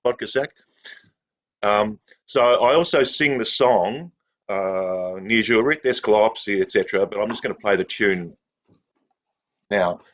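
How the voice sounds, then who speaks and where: A man from Australia, a fiddler, introducing a tune in a relaxed, rambling way with lots of ums on a video call. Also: lowish voice, unhurried. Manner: rambling, hesitant, many fillers. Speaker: klezmer fiddler.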